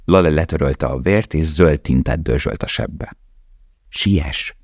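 A man reading a novel aloud in a calm, measured way. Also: a bass voice, no echo, clean studio sound. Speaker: audiobook narrator. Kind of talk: scripted narration.

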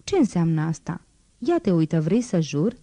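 A teasing, wistful young street girl speaks in a soft, mellow voice, as a woman reads her part in an audiobook. The sound is close and dry, with no room around it. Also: fairly low pitch, very animated, dry recording. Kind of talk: audiobook reading.

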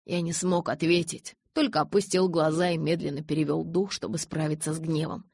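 A woman narrating an audiobook in the first person, measured and restrained. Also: deep voice, flat delivery, gravelly, a little mellow, slightly rough, no echo, clean studio sound.

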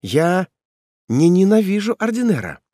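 A man voicing a shy, joyful young daughter in an audiobook, with high excited exclamations. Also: measured pace, no room sound, clean studio sound. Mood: timid.

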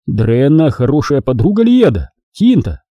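A man reading the part of a calm, wise older male Jedi master in an audiobook, speaking in a measured, unhurried way. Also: mid-range voice, no room sound.

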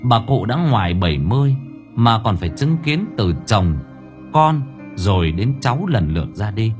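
A man reads a story with expressive, dramatic storytelling. His pitch is on the low side and moves a lot. Soft music plays underneath. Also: normal speed. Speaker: audiobook narrator. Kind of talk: storytelling narration. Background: faint music bed.

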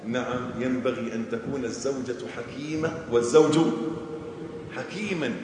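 A man preaching a sermon in an Egyptian Arabic accent, dramatic, acting out quoted voices and swinging between shouting and hushed speech. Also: medium pitch, normal speed. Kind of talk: sermon on marriage. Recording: echoey hall, mic far off, faint noise.

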